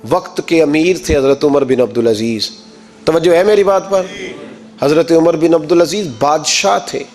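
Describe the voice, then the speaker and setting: A man with a Pakistani Urdu accent preaches a sermon, his voice sitting somewhat high for a man. He tells stories with passion and speaks the lines of their characters himself. Soft music plays under his voice. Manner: impassioned storytelling, acts out quoted voices.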